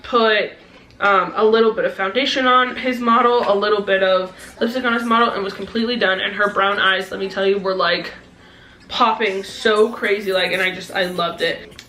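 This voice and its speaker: A young woman vlogger with a medium-pitched, sharp voice chats casually through a beauty product haul review, filling her talk with "um" and "like." The room is echoey with faint background noise.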